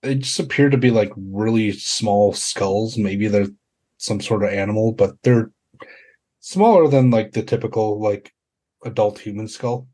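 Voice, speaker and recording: Slow, halting male game master. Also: fairly low pitch, mellow, breathy edge. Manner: halting, searching for words. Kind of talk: improvised tabletop horror narration.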